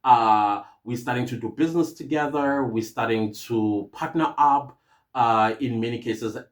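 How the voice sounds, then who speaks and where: A man's voice: mid-range voice, unhurried. South African male podcast host with a mid-range voice, earnest and rambling, full of hesitations. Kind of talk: casual podcast monologue.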